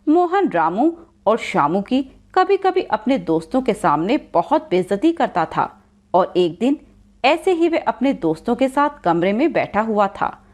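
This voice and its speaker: A woman telling a moral story with lively, expressive narration. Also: fairly high pitch, measured pace.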